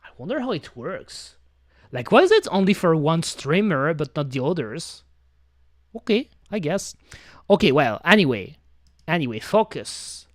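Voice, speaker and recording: A man's voice: fairly high pitch, very animated, unhurried, no room sound, clean studio sound. A man chatting casually on his stream, rambling and talking to himself with many fillers and restarts. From French-speaking. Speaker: VTuber streamer.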